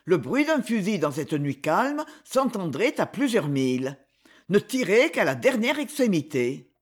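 A man reading the part of a bold, calm English hunter in an audiobook, with a steady, decisive manner. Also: sits high, unhurried, husky, exaggerated voice. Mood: urgent, hushed. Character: bold, coolheaded male English big-game hunter.

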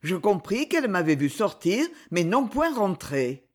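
An audiobook narrator reading a novel chapter in a measured, expressive way. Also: medium pitch. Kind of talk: scripted literary narration.

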